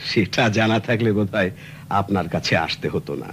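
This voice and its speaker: An actor with a somewhat low, slightly bright voice speaks at a normal speed, lightly acting the part of a polite, earnest middle-aged client in a 1970s radio drama. He lays out his story courteously and at length, and the old radio recording has a faint hiss.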